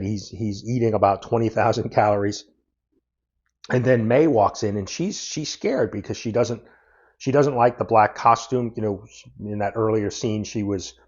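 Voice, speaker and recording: A man's voice: fairly low pitch, a little mellow, breathy edge. A man giving a casual comic book review, recapping the plot in a loose, meandering way. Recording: dull lo-fi audio.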